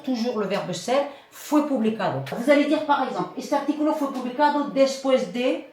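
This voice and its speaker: A woman's voice: fairly high pitch, darkish tone, far from the mic. A woman teaching a grammar lesson in a patient, didactic way, repeating key phrases and checking understanding. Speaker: Spanish teacher. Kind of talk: classroom lesson explaining grammar. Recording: very echoey room, voice off-mic.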